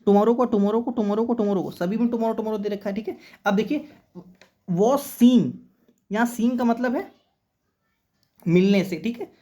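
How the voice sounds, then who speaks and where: A man's voice: sits high, moderate pace, long pauses, dark tone. A man teaching English for competitive exams. He explains words patiently, spells some of them letter by letter, and keeps checking in with "okay". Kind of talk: exam-prep vocabulary and grammar lesson.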